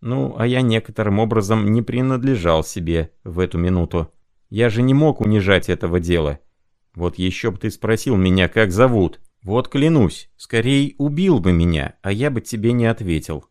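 A man voicing a tender, excitable young clerk. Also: fairly low pitch, normal speed, no echo, clean studio sound. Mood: earnest.

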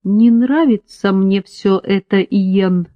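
A woman reading the lines of a calm male amateur detective, dry and laconic, in a plain, lightly acted voice. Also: medium pitch, slow pace, highs cut off, close to an everyday voice. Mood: dry, detached. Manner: detached, laconic.

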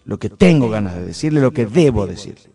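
A middle-aged radio host from San Juan, Argentina, speaking Cuyo Spanish, tells a story and then reflects on it earnestly and hesitantly, often restarting sentences. His voice is on the low side, expressive and fairly quick, with soft music faintly underneath.

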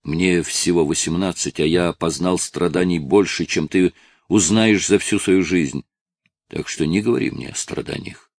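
A man voicing a desperate, tearful eighteen-year-old male addict who shouts and pleads with his father, in a dry, close recording. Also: sits low, a little slow, no room sound. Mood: agitated.

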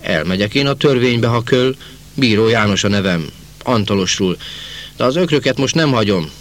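A man's voice: lowish voice, lively intonation, fairly bright tone. A man reading the lines of a stubborn, proud old peasant farmer in an audiobook, plainspoken and defiant.

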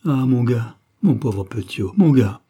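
A man's voice: mid-range voice, expressive, measured pace, dark tone, breathy edge. A man voicing a doting, tearful old peasant mother in an audiobook. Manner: doting, fervent.

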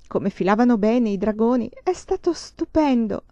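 A woman reading aloud voices a playful, dreamy young woman who is slightly tipsy, with light, breathy and eager speech. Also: medium pitch, expressive, normal speed, mellow, no room sound, voice pushed up. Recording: dull lo-fi, dry.

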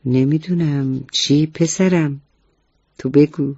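A man's voice: fairly high pitch, steady tone, a little mellow, no room sound. A man voicing a playful, good-humored father in a children's story reading. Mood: teasing. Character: playful, indulgent father driving the family car. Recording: dull, muffled recording.

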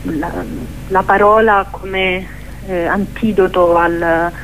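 A woman's voice: on the low side, fairly even intonation, slow, a bit bright. A woman interviewing on radio in a reflective literary style, hesitant and often searching for her words. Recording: clearly noisy, humming background.

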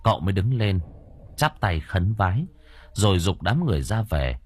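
A man's voice: low voice, moderate pace, slightly rough. A man narrating a ghost story dramatically. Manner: expressive, dramatic. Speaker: audiobook narrator.

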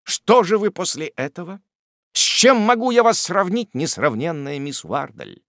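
A man voicing an ardent, gushing middle-aged suitor who declaims with effusive, drawn-out exclamations, in a storybook reading. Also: mid-range voice, big pitch swings, a bit bright, breathy edge, dry recording, clean studio sound, heavily acted.

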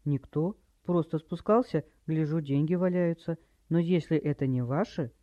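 A man's voice: a little high, normal speed, no echo, lightly acted. A man reading an audiobook, voicing a polite, clever teenage boy sleuth, in a dry, slightly dull recording. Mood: calm.

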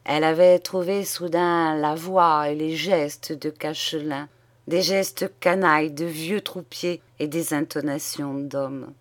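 Brief: woman reading a classic story, unhurried and deliberate. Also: sits low, fairly even intonation. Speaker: audiobook reader. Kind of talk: literary narration.

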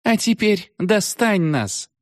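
A high, whiny young witch girl drawls her taunts and cackles, as a man puts her on for a storybook. The voice leaps around a lot, recorded dry and close. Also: very animated, takes it slowly, dry recording, full character voice. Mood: capricious, taunting. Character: capricious young witch girl on a ghost horse.

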